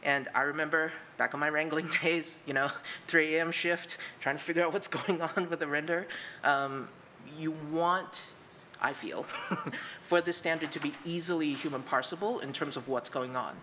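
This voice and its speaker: A woman's voice: sits low, moderate pace, bright, forceful tone. Woman, conference speaker, thoughtful answers, filler words, faint room noise. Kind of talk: answering audience questions.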